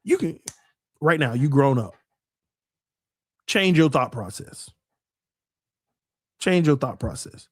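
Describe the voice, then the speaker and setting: A man's voice: on the high side, lively intonation, slow pace, pauses often, slightly rough, no echo, studio quality. Earnest forty-year-old man preaching at the mic. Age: 40s. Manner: earnest, repetitive, builds to emphatic preaching. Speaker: sports podcast host. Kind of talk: casual preachy monologue.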